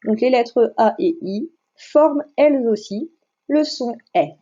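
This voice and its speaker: A woman teaching a recorded phonics lesson to young children, speaking slowly and articulating each sound and syllable with care. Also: a little high, animated, warm tone, breathy edge. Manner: slow, careful, over-articulating sounds and syllables. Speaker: primary school teacher. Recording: slightly dull lo-fi voice recording.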